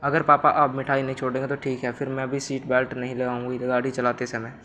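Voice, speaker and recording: A man voicing a caring young married daughter in a storybook tale, read in an even, flat manner. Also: mid-range voice, fairly quick, a little hiss or hum, close to an everyday voice. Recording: music bed underneath. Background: music.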